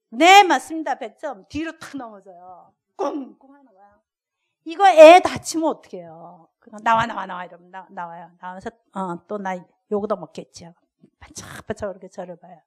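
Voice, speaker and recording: An older woman, a guest lecturer, preaching a sermon and telling lively stories with acted-out dialogue. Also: high voice, normal speed. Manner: animated storyteller acting out dialogue. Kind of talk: sermon with storytelling.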